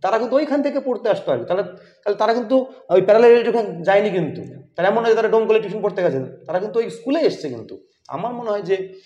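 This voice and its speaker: A man's voice: high voice, animated, fast, a little mellow. A man in his forties from West Bengal, interviewing in a rambling way, with many fillers. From West Bengal, India. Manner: rambling, repeats himself, frequent fillers. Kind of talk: conversational interview. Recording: roomy, slightly dull sound.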